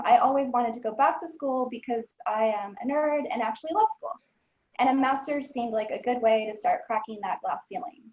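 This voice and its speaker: Brief: woman guest with a higher voice, earnest storyteller, roomy and slightly dull recording. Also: darkish tone. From Southern California. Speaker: alumna guest. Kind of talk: recorded alumni interview. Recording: echoey lo-fi room.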